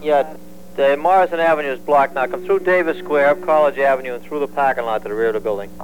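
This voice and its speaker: The fast, mid-range voice of a male fire alarm dispatcher comes through with phone-quality sound. Heard on two-way radio, a very noisy emergency channel with hum and radio noise, he makes urgent, terse, formal calls and says each message twice.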